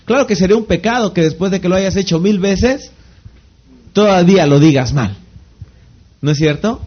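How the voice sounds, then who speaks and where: A man's voice: high-pitched, expressive, normal speed, slightly rough. A man giving a motivational training talk on network marketing, repeating phrases for emphasis and constantly asking the audience rhetorical questions that he answers himself. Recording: slightly dull lo-fi recording.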